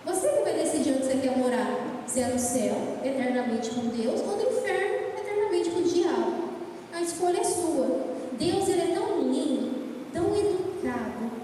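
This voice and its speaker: A woman's voice: sits high, warm tone. A Brazilian woman giving an informal youth sermon, conversational and checking in with listeners, with a slightly tongue-tied speech impediment. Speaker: church preacher. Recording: very echoey hall, distant mic, faint noise.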